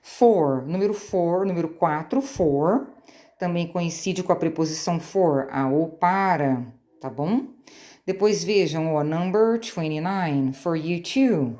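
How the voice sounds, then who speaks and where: Brazilian woman English teacher, lowish warm voice, patient step-by-step explainer, phone-recorded lesson. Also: takes it slowly. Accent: Brazilian Portuguese. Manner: explanatory, spells out letters, frequent tag questions. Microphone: phone screen recording.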